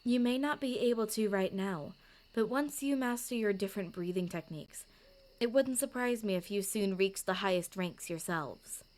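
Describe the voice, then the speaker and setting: A woman voicing a calm, kind young female swordswoman in a storybook audio drama, speaking gently and earnestly. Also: mid-range voice, normal speed, voice pushed up, natural voice. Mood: reassuring.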